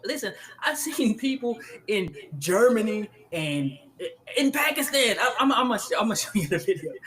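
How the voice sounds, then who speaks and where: A man co-hosting a live podcast, ranting in an animated way with frequent laughter and many restarts. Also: fairly high pitch, a little hiss or hum, low-quality recording. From United States. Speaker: podcast co-host.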